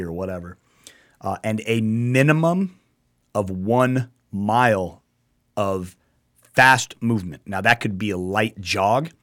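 A man's voice: on the low side, a bit bright. A man hosting a casual talk show, rambling and repeating himself with emphasis and the odd swear word. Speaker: show host.

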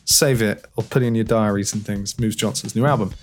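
A man hosting a podcast, talking in a relaxed, chatty way with plenty of fillers. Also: lowish voice, brisk, loud music behind the voice. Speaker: podcast host. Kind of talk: casual chat.

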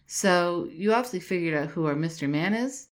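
A woman's voice: on the low side, animated, normal speed, natural voice. A woman voicing a curious, playful young woman amateur detective in a read-aloud story. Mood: eager.

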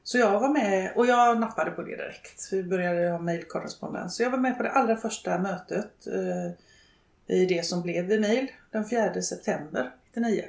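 An older woman, speaking in a reflective interview and pausing often to search for words. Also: medium pitch. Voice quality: creaky. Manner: hesitant, halting, many pauses and fillers. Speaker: interviewee, widow and network co-founder. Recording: roomy, echoey room.

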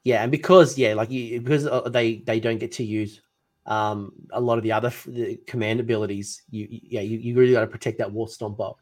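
A man's voice: medium pitch, little pitch movement, fairly quick, a little mellow. A man co-hosting a casual gaming chat, rambling with many fillers and restarts, and losing his voice. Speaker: co-host of a tabletop wargame talk show.

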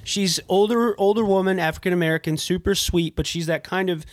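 A man co-hosting a podcast, telling stories in an animated way and slipping into voices for the people he quotes. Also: high voice, brisk, slight background noise. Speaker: podcast co-host. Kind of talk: casual chat.

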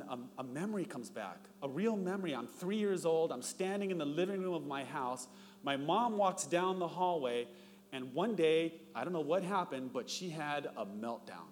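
A middle-aged male pastor delivers a sermon in a fairly high voice, and he tells stories by acting out each line of dialogue. His voice rings with long reverb through a large hall. A faint hiss sits under it. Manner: storytelling, acts out dialogue with rising pitch.

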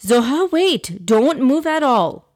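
A caring mother of young children, voiced by a woman in a kids' story. She guides and reassures in a slightly high voice. The recording is dry. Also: sing-song, slow, no room sound, exaggerated voice. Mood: alarmed. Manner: gently instructive. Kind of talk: children's story character dialogue.

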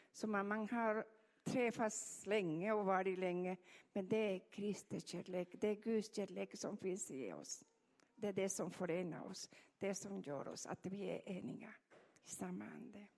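A woman's voice: medium pitch, mellow. A woman with a delivering an earnest sermon and reading scripture, often saying amen. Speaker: preacher. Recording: echoey hall with long reverb.

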